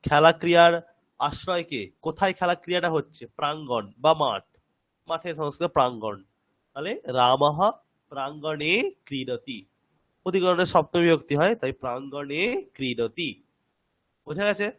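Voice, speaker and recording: A man's voice: fairly high pitch, animated, normal speed, fairly bright tone. Patient man teaching grammar online. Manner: patient, explaining step by step with checks like "right?". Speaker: Sanskrit teacher.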